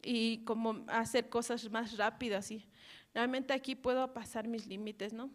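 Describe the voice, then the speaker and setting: A woman with a Bolivian Spanish accent shares a personal testimony before a church gathering. Her voice sits a little high, and she speaks haltingly, often breaking off and tagging her sentences with small questioning words. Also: flat delivery. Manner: halting, repeats "¿no?" and "así" often, laughs softly. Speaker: church volunteer giving testimony.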